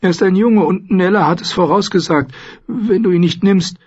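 A desperate young mother, as a male narrator puts her on, pleading and tearful. Her voice is raised well above his own, slightly husky and dull in tone. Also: high voice, normal speed, darkish tone, pitched above the performer's own voice.

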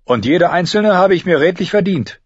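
A man's voice: high voice, animated, moderate pace, breathy edge, no echo, muffled recording, pitched above the performer's own voice. A man reading an audiobook, voicing a tough, blunt, mocking wild woman. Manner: blunt, teasing.

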